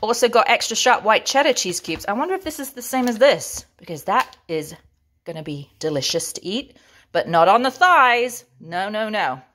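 A woman's voice: mid-range voice, sing-song, moderate pace, a bit bright. A woman with an English accent, from England, chatting playfully through her grocery haul and savoring each item. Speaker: vlogger. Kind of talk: grocery haul show-and-tell.

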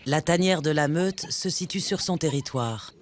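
A man reads scripted nature documentary narration in a measured, dramatic storytelling way. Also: a little high, a little hiss or hum. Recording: music bed under the narration. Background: background music, animal sounds.

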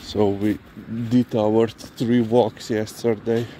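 A dog-owner vlogger talks slowly and casually while walking his dog through city streets at night, filming on a handheld phone. His mellow, unhurried voice is fairly low and flat, with faint traffic noise behind it.

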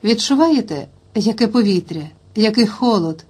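A woman's voice: mid-range voice, animated, normal speed, darkish tone, breathy edge. A woman reading the lines of a cheerful, spirited young king who rouses his hunting party, in an audiobook. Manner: hearty, rousing calls to the hunt.

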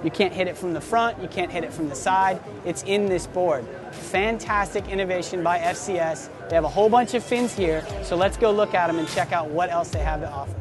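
A man's voice: high voice, a little fast, music in the background. A young man in his twenties hosting an enthusiastic, salesy product demo at a busy indoor expo booth, talking close to the camera. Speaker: surf shop host. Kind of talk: trade show product demo.

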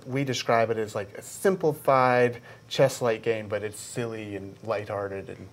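A man's voice: fairly low pitch, little pitch movement, normal speed. A man in his forties chatting casually as an interview guest, often restarting his phrases, recorded on a lapel mic in a studio. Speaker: game creator, interview guest. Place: small indoor video studio. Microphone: clip-on lapel mic.

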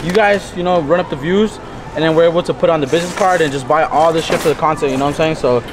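A man's voice: fairly high pitch, fast talker, noisy background. A young man hosting a vlog, chatting casually with friends in laid-back slang. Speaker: vlog host.

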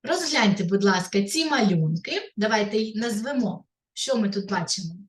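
A woman kindergarten teacher from Ukraine leading a slow literacy lesson for small children, in a sing-song way. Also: medium pitch, expressive. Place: kindergarten classroom. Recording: echoey room, voice from a distance.

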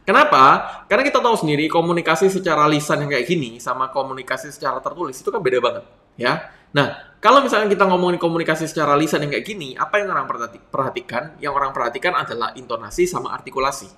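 A copywriting instructor with a fairly high, bright, pushed voice talks fast through an online lesson with slides. He's chatty and conversational, treats viewers like friends, and uses plenty of fillers, all in an echoey room.

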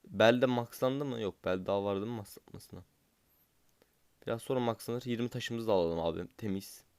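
A man's voice: on the low side, moderate pace, a little mellow, clear, resonant tone, dry recording. A young man from Turkey doing gaming commentary, impatient and swearing at the game as he opens loot boxes. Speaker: gaming YouTuber.

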